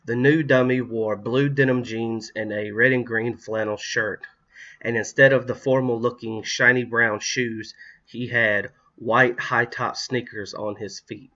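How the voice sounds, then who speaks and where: A man reads a children's storybook aloud in a steady, plain manner, with a slip here and there. His voice is bright and forward, and the recording is slightly dull. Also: mid-range voice, measured pace. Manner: steady, plain reading with small slips. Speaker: audiobook reader. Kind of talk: storybook narration.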